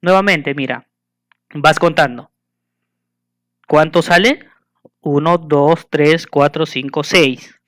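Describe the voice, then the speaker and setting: A man's voice: on the high side, fairly bright tone. Patient man teaching a lesson. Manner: patient, asks the listener questions; spells and counts out slowly. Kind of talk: recorded school lesson.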